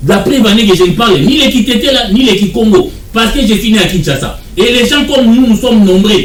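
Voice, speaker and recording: Man, insistent debater, somewhat high voice, echoey room heard from a distance. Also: animated, brisk, a little hiss or hum. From Democratic Republic of the Congo. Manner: insistent, argumentative, repeats points. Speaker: political debate guest. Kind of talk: televised political debate.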